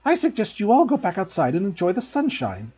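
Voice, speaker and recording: A man's voice: high voice, huge pitch swings, brisk, darkish tone, breathy edge, highs cut off, voice pushed up, full character voice. A man voicing a stern, strict older woman professor who speaks in a clipped, commanding way.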